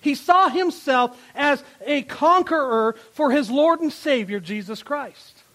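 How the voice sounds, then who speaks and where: A man preaching a sermon as pastor, emphatic, repeating phrases and swinging from loud to quiet. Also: extremely high pitch, lively intonation, a little slow. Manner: emphatic, repeats phrases, rises and drops in volume.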